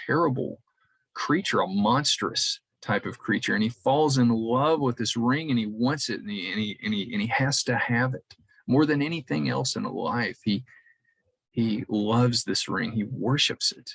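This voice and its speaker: A man preaching a conversational sermon in a church, halting often and repeating words as he restarts his sentences. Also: on the low side, creaky, fairly bright tone, husky, dry recording, rough recording.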